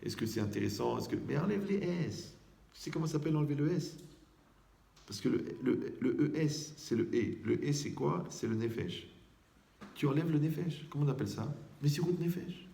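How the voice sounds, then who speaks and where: A man's voice: medium pitch, fairly quick, gravelly, mellow. A man teaching a religious lesson, telling stories, firing questions at his listeners and acting out the voices of the people in them. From Morocco. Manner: storytelling, asks the audience questions, acts out voices. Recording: echoey room.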